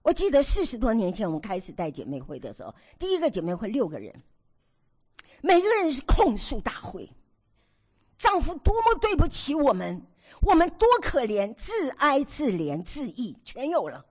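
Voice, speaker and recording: An older woman in her sixties preaches to a gathering of women. Her voice sits fairly high, and it leaps up and down as she tells stories from her own life. She acts out scenes as she speaks. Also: moderate pace, husky. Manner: animated storytelling, acts out her own past nagging. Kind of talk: sermon to a women's meeting.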